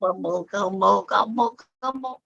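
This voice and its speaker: A woman's voice: medium pitch, a little slow, vocal fry, pushed and bright, no echo. Woman on a glitching video call. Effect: glitching, freezing call audio. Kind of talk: casual chat. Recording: muffled lo-fi video call audio.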